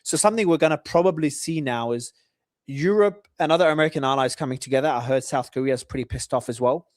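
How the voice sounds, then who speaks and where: A man's voice: medium pitch, fast, darkish tone, no echo, studio quality. A man hosting a live talk show, reading out news updates and giving his own predictions. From Australia. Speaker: host.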